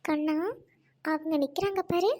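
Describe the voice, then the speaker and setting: A woman plays a stuck-up, fussy mother in a comedy skit, her voice very high-pitched. She speaks with a Trichy Tamil accent. Her tone stays disdainful and haughty. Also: fairly even intonation, moderate pace, a little mellow, close to an everyday voice.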